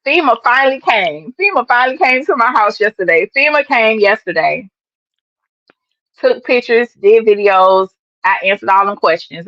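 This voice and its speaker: A sports-fan woman runs her own live stream, emphatically chatting and speaking directly to viewers in casual fashion. Her voice is a little high and a bit bright, with no echo, and the stream audio sounds dull and lo-fi.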